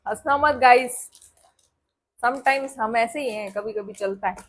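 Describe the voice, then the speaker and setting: Young woman vlogging, rambly chat, kinda husky, bit high pitched, calls everyone guys. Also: slow pace. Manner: chatty, rambling, addresses viewers as guys. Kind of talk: casual chat to camera.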